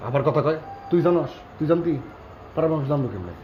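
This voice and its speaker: An actor playing a flustered bachelor who talks in a hushed, urgent way. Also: male voice, on the high side, lively intonation, rapid-fire, lightly acted. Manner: hushed and urgent, pleading for quiet. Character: flustered bachelor hiding a foreign woman. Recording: echoey, dull and noisy location sound.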